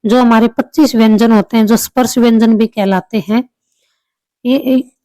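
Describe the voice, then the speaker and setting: A woman teacher talks through practice questions one by one with a slightly high voice. She explains patiently and repeats the key answers. The sound is close and dry, with no room around it. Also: fairly even intonation, normal speed, dark tone, dry recording, poor audio. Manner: explains step by step, repeats answers, small restarts. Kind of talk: exam-prep lesson.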